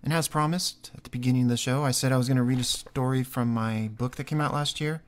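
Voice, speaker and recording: Man, podcast host, mid pitch, steady, matter-of-fact announcing. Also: fast talker. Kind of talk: show narration.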